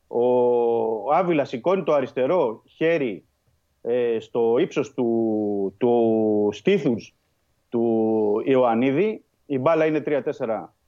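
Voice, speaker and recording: A man's voice: mid-range voice, dark tone, muffled recording. A man breaking down a refereeing call on a radio show, methodical and stubborn, talking over the others to finish his point. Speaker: refereeing pundit. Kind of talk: heated radio football debate.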